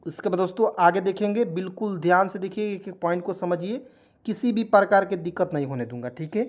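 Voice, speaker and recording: A man's voice: high voice, fairly quick. A man teaching English in Hindi as an online lesson. He spells each word letter by letter, then says it, and often checks that the listener is following.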